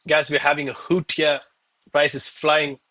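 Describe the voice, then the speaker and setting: A man's voice: a little high, little pitch movement, unhurried, bright, forceful tone, low-quality recording. A man livestreaming casual commentary to his chat as a trading streamer, with an informal, bro-heavy gym-bro way of talking. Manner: bro-heavy, hyped gym-bro style talk; informal, addresses viewers as bro, man, guys.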